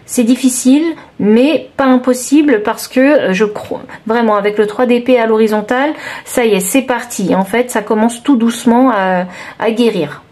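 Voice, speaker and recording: A woman's voice: fairly high pitch, a little mellow. A woman with a southern French accent doing a tarot card reading for viewers, thinking aloud with many hesitations. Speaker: tarot reader.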